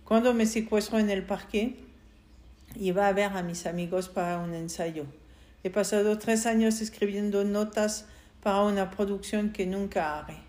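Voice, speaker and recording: A calm young woman facing her end with quiet resignation, read by a woman in an audiobook. She speaks softly and gently, in a mid-range voice, without drama. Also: mid-range voice, normal speed, close to an everyday voice. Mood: quiet, resigned. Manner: soft, quiet delivery. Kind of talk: audiobook reading.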